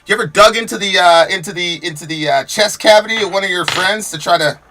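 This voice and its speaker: The speaker is an American man hosting a podcast, fast and pushed in a bright, high register, with a little hiss or hum in the recording. He argues hard against chat comments with rhetorical questions, repeating himself and restarting as he gets worked up.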